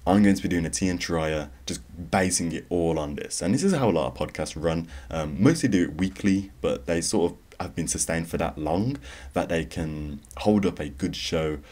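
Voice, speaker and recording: Very deep-voiced man hosting a podcast. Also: moderate pace, a little mellow. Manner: rambling, conversational, with many fillers and restarts. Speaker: podcast host. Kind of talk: solo podcast monologue.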